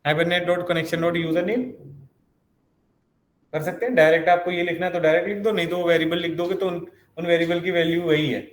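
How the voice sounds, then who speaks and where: Fast-talking and steady, a man with a slightly high voice delivers a coding lesson as a programming instructor. He breaks things down step by step and asks himself questions while explaining, in an echoey space with faint noise.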